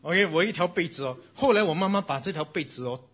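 A man preaches a sermon with a bright, forceful delivery. His voice is husky, and the recording sounds dull and lo-fi. He tells animated stories and mixes in bits of English. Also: a little high, fast talker. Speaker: pastor.

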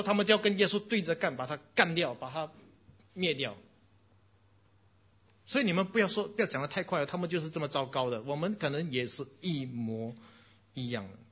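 Man, pastor preaching a sermon, husky voice, slightly high pitch, lo-fi recording. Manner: animated storytelling, mixing in bits of English. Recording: dull, lo-fi recording.

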